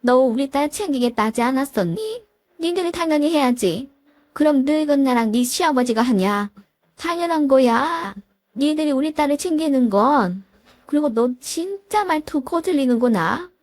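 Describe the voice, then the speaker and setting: A domineering older mother-in-law scolds in a sharp, commanding way, as a woman reads her in a fairly high voice. The recording is dry and close, with no room sound. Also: animated, normal speed, dry recording. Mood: scolding.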